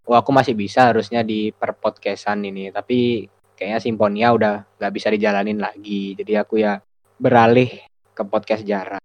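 Low, dry-sounding man. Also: fairly even intonation, normal speed, no echo. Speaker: podcast co-host. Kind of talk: casual chat. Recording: dull, band-limited close recording.

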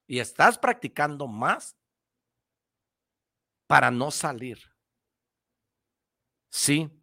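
A man hosts a motivational radio talk with a bright, forceful voice and a pitch that climbs and falls a lot. He talks slowly, repeating phrases and speaking straight to the listener. The sound is dry and close. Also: no echo. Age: adult parent. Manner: preachy, repetitive, addresses the listener directly. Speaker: radio host giving motivational advice.

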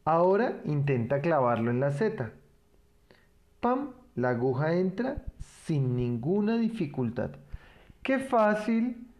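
A man reading a children's story aloud, expressive and gentle. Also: fairly high pitch, a little slow.

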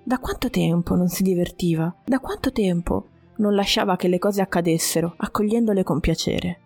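An audiobook narrator reading scripted prose in a measured, even way. The pitch sits in a middle range. Soft music plays faintly behind the reading. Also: gravelly, breathy edge.

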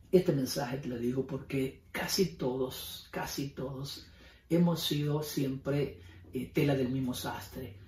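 A man's voice: medium pitch, darkish tone, slight background noise. A man, a pastor, preaching a sermon with rhetorical questions and voices of imagined listeners. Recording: roomy sound from a distance off the mic.

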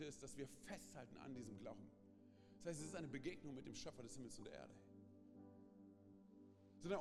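High-voiced emphatic male preacher in a hall. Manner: emphatic, with frequent "hey" and "ganz kurz" interjections. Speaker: pastor. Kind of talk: sermon. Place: church service hall.

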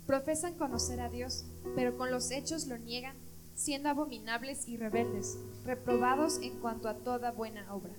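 Woman reading scripture over loud music. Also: on the high side, steady tone, moderate pace. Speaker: scripture reader. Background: loud instrumental music.

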